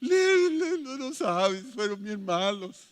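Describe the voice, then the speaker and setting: A man's voice: sits high, animated, takes it slowly, a bit bright, exaggerated voice. A man putting on weeping, indignant disciples. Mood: wailing, incredulous. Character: grieving disciples, men, complaining and weeping.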